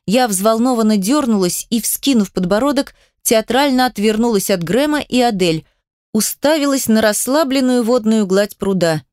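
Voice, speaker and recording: A woman's voice: fairly high pitch, no room sound. Woman narrating an audiobook, dry sound. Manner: steady first-person storytelling. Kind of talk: scripted narration.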